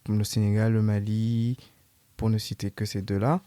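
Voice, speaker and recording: A man with a dark, mellow voice hosts a casual interview podcast. He talks in a relaxed, searching way, often restarting his questions. The recording is close and dry. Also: on the low side, normal speed, no room sound. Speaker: podcast host.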